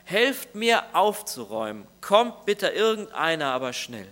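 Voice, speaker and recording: A preacher acting out a flustered, panicky man yelling about his filthy house. the voice is bright and edgy, near the man's own, and he keeps crying out in a rush. it's a story told inside a sermon. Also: a little high, expressive, normal speed. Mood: pleading. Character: frantic man cleaning his house for God.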